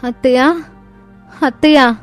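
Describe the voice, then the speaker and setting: A woman voicing a young, pregnant daughter-in-law who speaks politely and softly in a storybook tale. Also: medium pitch, fairly quick, soft background music, close to an everyday voice. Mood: pleading. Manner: polite and soft, pleading.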